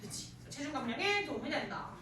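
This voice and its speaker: High-voiced woman teacher in echoey classroom. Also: big pitch swings, noisy background. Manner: brisk, explains and quizzes students aloud. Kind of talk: classroom grammar lesson. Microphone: distant mic. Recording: echoey classroom, distant mic, students audible.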